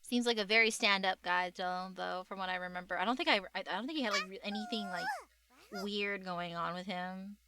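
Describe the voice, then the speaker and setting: A woman chatting casually on a livestream in a cute, gushing anime-streamer way, with slangy, expressive exclamations. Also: mid-range voice, brisk, a little hiss or hum. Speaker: VTuber artist and livestreamer.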